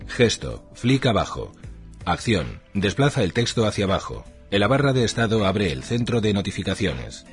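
Over faint background music, a man with a low voice formally narrates short labelled items from an instruction manual. His delivery is sing-song with noticeable swings in intonation, at a moderate pace.

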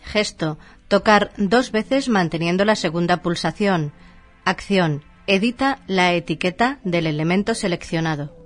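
A woman's voice: fairly low pitch, expressive, a little slow, soft background music. A woman narrating a scripted instruction manual formally, reading it out in short labelled items.

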